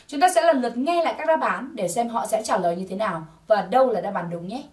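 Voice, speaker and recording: A woman teaching an English test-prep lesson, slowly drilling English words for learners to repeat. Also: fairly high pitch, lively intonation, a little mellow, far from the mic. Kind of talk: scripted language lesson.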